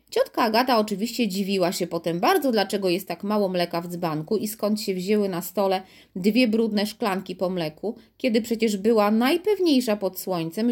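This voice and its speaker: A woman reads a children's audiobook aloud. Her delivery is steady and even, and her pitch sits in the ordinary middle range for a woman. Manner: steady storytelling with voiced dialogue. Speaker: audiobook narrator.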